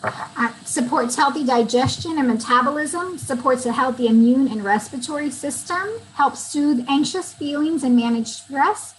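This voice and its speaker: A woman's voice: sits high, slight background noise, low-quality recording. A woman co-hosting, reading out product benefits and adding casual asides. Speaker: co-host describing products.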